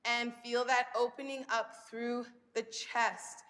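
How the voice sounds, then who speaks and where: A woman's voice: on the high side, level tone, takes it slowly, a bit bright. A woman fitness instructor speaking while exercising, guiding a stretching workout with timed breathing cues and encouragement. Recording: long hall-like reverb.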